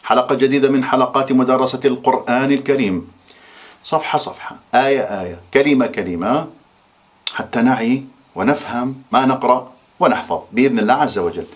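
A man giving a Quran memorization lesson, slowing down and stressing key words when he quotes verses. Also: medium pitch. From Iraq. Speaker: Quran teacher. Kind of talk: recorded religious lesson.

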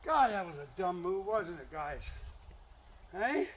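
A man's voice: high-pitched, sing-song, takes it slowly. A middle-aged man vlogging at an outdoor campsite, muttering and cursing at himself while he works on gear. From Canada. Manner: self-mocking, mutters and swears to himself while working. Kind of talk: casual solo vlog talk. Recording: noisy outdoor camera audio.

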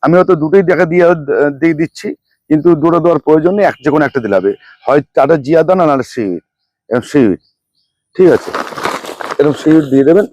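Fast-talking man showing gardening steps. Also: a little high, lively intonation, a little mellow. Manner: chatty, repeats amounts and names of each ingredient. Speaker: rooftop gardening channel host. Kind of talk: hands-on gardening demonstration.

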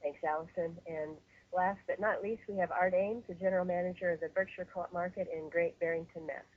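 A woman hosts a webinar over a muffled phone line, her voice slightly husky. She speaks in a measured way and often pauses on fillers and restarts. The audio is dull and narrow. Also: on the low side, fairly even intonation. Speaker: webinar host and facilitator. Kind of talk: hosting a webinar conference call.

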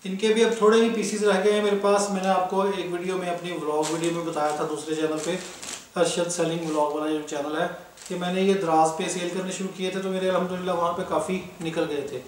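A man's voice: high voice, flat delivery, fast talker, a little hiss or hum. A man with a Pakistani Urdu accent, selling fabric in a casual chatty way, talking straight to his customers with fillers. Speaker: online cloth seller. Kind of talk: casual sales talk. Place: indoors, filming fabrics on a table. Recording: very echoey room, voice somewhat far off.

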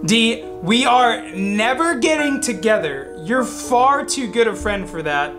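A man's voice: very high voice, expressive, unhurried. A man reading a determined teenage girl sleuth. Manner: reading text messages aloud in a plain narrating voice. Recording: music playing loudly behind.

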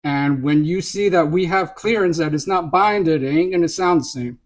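A man's voice: fairly high pitch, normal speed, poor audio. A man hosting a hobby video, demonstrating a part up close and insistently repeating short pointers to look and see. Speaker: RC hobby channel host. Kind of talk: hands-on demonstration to camera. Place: indoors at a workbench.

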